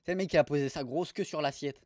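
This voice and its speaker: A young man streaming live, mocking restaurant reviews in a crude, animated way. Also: on the high side, fast, no room sound, studio quality.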